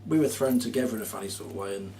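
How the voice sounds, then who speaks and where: A man's voice: fairly low pitch, rapid-fire, mellow, far from the mic, slight background noise. A man in a casual interview, telling stories about touring in a chatty, slangy way and laughing often. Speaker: band musician, interviewee. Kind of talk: casual chat.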